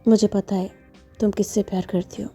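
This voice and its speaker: A woman's voice: mid-range voice, level tone, normal speed, warm tone, slightly rough, close to an everyday voice. A woman storyteller voicing a polite, sweet-talking young woman with a hidden scheme. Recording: dull lo-fi with faint music.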